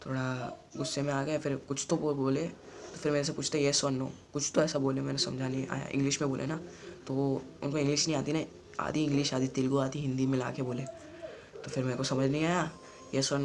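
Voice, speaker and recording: A man's voice: mid-range voice, noisy background. Teenage boy rambling a storytime. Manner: rambling, repeats himself, flat delivery. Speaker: YouTuber. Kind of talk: unscripted storytime vlog.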